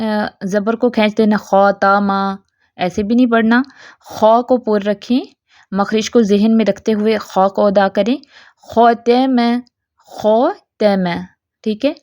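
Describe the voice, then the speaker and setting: A woman with a Pakistani Urdu accent teaching Quranic pronunciation, stretching out model syllables slowly and often checking if students follow. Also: medium pitch, a little mellow, no room sound, studio quality. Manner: patient, drawn-out model syllables, frequent "theek hai?" checks. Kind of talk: tajweed pronunciation lesson.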